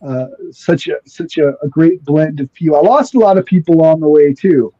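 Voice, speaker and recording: His voice sits fairly high, moves a little quickly, and sounds warm. A native Spanish speaker from near Mexico who has spent most of his life there, he chats casually about spiritual matters in a relaxed, slangy manner, often repeating words while he searches for what he means. The audio is dull and lo-fi.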